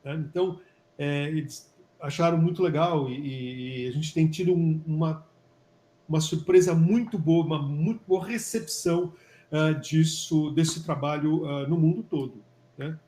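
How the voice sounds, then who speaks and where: A man's voice: a little high, a little slow, mellow. A man with a Brazilian accent, a physician and study coordinator, talking chattily on a live webinar with lots of fillers and restarts. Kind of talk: casual live webinar talk. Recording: echoey room.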